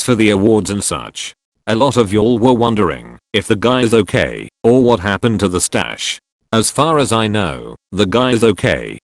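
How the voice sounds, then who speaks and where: A man narrating gym stories from online posts in a steady, matter-of-fact reading voice. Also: fairly low pitch, dry recording. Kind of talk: scripted narration.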